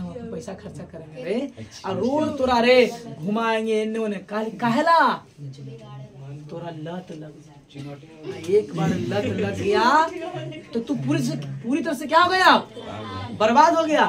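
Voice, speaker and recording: A teacher explaining verses to a class in a coaxing, repetitive way, often calling for attention and chanting lines slowly. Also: medium pitch.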